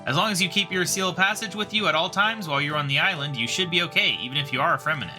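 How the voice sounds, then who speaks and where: A man's voice: on the high side, very fast, over music, voice pushed up, lightly acted. A man voicing a pompous, formal sea captain in a game playthrough. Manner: stately, formal.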